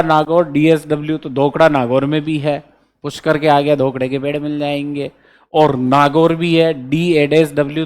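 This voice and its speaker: A male teacher giving a classroom lecture, drilling memory codes letter by letter and checking in with students again and again. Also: fairly high pitch. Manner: keeps checking in with students, repeats key points. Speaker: exam-prep teacher.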